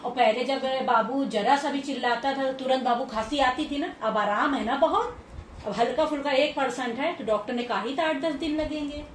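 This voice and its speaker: High-voiced woman coaxing her dogs. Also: brisk, far from the mic. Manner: coaxing baby talk to the dogs, often laughing. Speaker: pet owner vlogger. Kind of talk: casual vlog, talking to pets. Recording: echoey room, voice off-mic, faint noise.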